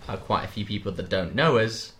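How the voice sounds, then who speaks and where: Cheeky fast-talking British man. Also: lowish voice, animated, fairly bright tone. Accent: British English. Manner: quick, joking and cheeky. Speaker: podcast co-host. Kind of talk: casual chat.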